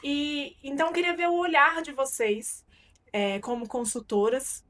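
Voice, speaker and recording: Woman podcast host, high voice, enthusiastic, exclamatory. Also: fairly even intonation, normal speed, a bit bright. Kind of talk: casual interview.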